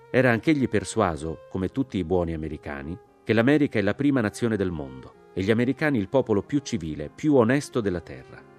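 A man reading a literary audiobook aloud, dry, ironic and deliberate in delivery. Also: fairly low pitch, darkish tone. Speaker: audiobook reader.

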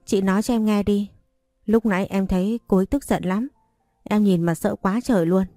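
A woman's voice: mid-range voice, normal speed, warm tone, no echo, clean studio sound, soft background music, lightly acted. A woman storyteller voicing a timid young female shop worker, asking with curious, anxious questions.

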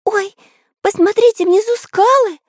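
A woman voicing an excitable boy pencil artist in a very high, piping voice, full of exclamations. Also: moderate pace, no echo, studio quality. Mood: alarmed. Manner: eager, exclaiming.

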